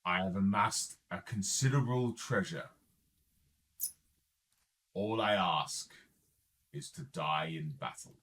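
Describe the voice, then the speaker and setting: A man voicing an elderly male frost giant who speaks slowly and formally and wants to die in battle. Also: low-pitched, animated, fairly bright tone, full character voice, rough recording. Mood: solemn.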